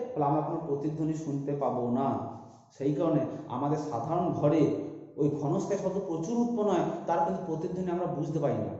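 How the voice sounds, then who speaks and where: High-voiced male physics teacher, echoey hall. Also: warm tone. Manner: works through sums aloud, asking and answering himself. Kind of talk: classroom lecture. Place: large echoey room. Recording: echoey hall, dull lo-fi sound.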